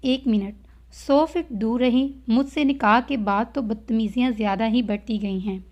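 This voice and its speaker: A woman's voice: a little high, moderate pace, lightly acted. A woman reading the lines of a bold, feisty young bride in a storybook novel, in a sassy way. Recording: dull lo-fi audio.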